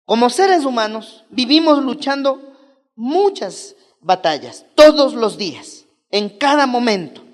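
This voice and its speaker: An emphatic woman preacher delivers a sermon, stressing and repeating key words and calling on the congregation. Her voice sits a little high, and a long hall reverb trails behind each phrase. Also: very animated, slow pace.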